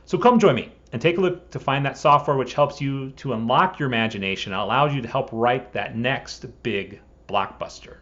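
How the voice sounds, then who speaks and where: Speaking at normal speed with few pauses, a man with a slightly bright, mid-range voice talks straight to viewers in a scripted explainer, throwing out rhetorical questions. He hosts a screenwriting software channel, and the audio is dull and lo-fi.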